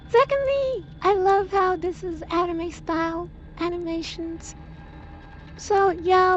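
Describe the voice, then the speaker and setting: A woman's voice: extremely high pitch, highs cut off. A woman playing a horror game, her voice run through a robotic auto-tune filter, commenting and reading the game's text aloud in a sing-song way.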